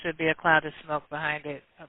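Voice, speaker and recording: A man's voice: on the high side, monotone, quick pace, no room sound. A man working as a police dispatcher over a police radio transmission, relaying vehicle details steadily with small hesitations. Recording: tinny dry radio channel.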